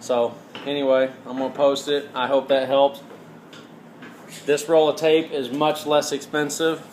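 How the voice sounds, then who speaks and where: A man in a plainspoken, hands-on mechanical tutorial explains things step by step in a flat, mid-range voice with a darkish tone, speaking a little slowly. Background noise is clearly audible, and the space sounds roomy and echoey.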